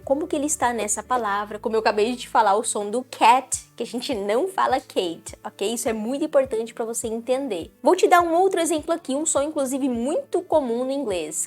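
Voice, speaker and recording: A woman teaching English pronunciation to viewers in an upbeat online lesson, often checking in with "ok?". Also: high voice. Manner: upbeat, talks straight to viewer, repeats ok?.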